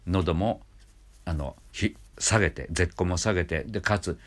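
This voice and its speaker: Low-voiced older male voice coach. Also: a little slow. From Japan. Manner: explains calmly, breaking off to demonstrate sounds; frequent fillers and restarts. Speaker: voice trainer. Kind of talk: vocal lesson with demonstrations.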